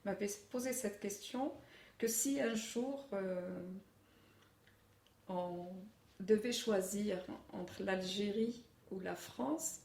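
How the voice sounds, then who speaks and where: A middle-aged woman answering interview questions in a measured, thoughtful way, with pauses and fillers. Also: mid-range voice, vocal fry, darkish tone, far from the mic. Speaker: interviewee, immigrant mother. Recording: echoey room, speaker off-mic.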